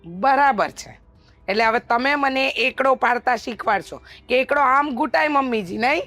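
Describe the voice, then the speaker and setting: A woman acting a bossy, sharp-tongued mother-in-law in a family drama who scolds loudly and mocks. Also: sits high, lively intonation, moderate pace, faint music behind. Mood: scolding. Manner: scolding, loud, mocking.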